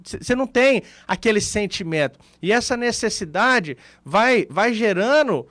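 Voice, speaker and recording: A man's voice: sits high, lively intonation, a little slow, a bit bright, dry recording. A man with a Brazilian Portuguese accent, co-hosting a radio talk show and explaining his points with everyday examples.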